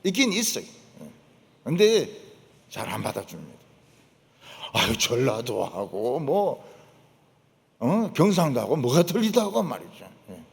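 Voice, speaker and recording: An older man preaching, emphatic, repeating his points and dropping to low asides. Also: wildly swooping pitch, a little slow, gravelly, long pauses. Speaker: pastor. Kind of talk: sermon. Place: church sanctuary. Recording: long church hall reverb.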